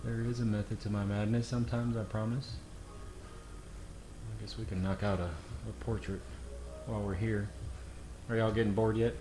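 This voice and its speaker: A man's voice: on the low side, flat delivery, moderate pace, pauses often. A man hosts a casual cooking vlog from his home kitchen, joking and chatting to viewers. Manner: joking, self-deprecating, talks to viewers. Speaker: cooking channel host. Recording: echoey kitchen with faint music.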